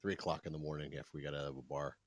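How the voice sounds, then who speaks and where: Very deep-voiced easygoing man. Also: steady tone, racing. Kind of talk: casual podcast banter.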